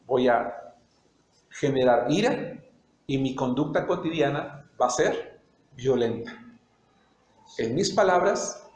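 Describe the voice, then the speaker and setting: A man's voice: medium pitch, a little mellow. A man preaching a sermon as a pastor, asking questions and acting out short dialogues. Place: church sanctuary. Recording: echoey church hall with faint noise.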